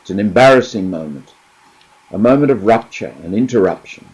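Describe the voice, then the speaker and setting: A middle-aged man, giving a reflective spiritual talk and reading a story, slow and measured, pausing between phrases. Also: fairly low pitch, lively intonation, darkish tone, breathy edge, muffled recording. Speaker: spirituality teacher.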